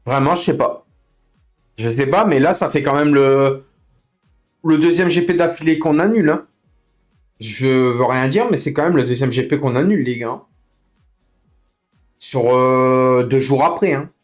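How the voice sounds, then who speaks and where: A man's voice: medium pitch, measured pace, pauses often. Fed-up man streaming, faint music behind. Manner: fed-up, complaining, repeats himself; slangy, informal. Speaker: livestreamer running an online racing league. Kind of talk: casual live stream chat with other players.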